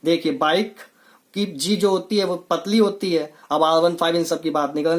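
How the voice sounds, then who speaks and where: Teacher quizzing and self-answering. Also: mid-range voice. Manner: asks rhetorical questions and answers them, repeating key words; plain, patient explaining in simple steps. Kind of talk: online coaching lesson.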